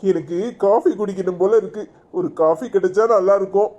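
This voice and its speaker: A woman's voice: mid-range voice, a little fast, dark tone, highs cut off, voice pushed down, natural voice. A woman voicing a playful young male groom in a cartoon, speaking with a Kanyakumari Tamil accent. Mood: teasing.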